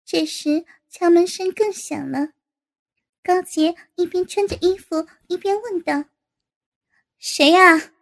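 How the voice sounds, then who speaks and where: A woman narrates a story in a steady, even reading. Her voice sits very high. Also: measured pace, vocal fry.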